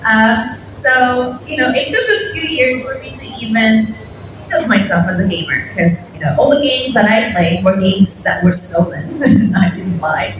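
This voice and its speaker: A woman's voice: fairly high pitch, expressive, normal speed. A young woman from Morocco giving a casual, self-deprecating conference talk to an audience. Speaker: conference speaker. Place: large hall at a conference. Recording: echoey hall from far off, noisy.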